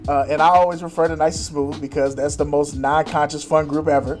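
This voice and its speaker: A man co-hosting a casual podcast chat, animated and profane, laughing often. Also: a little high, a little fast, soft background music. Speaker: podcast co-host.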